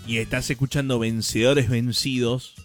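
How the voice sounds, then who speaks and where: A man's voice: medium pitch, flat delivery, moderate pace, soft background music. A man, co-hosting a casual chat, asking questions and teasing the others. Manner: teasing, asks questions, jokes.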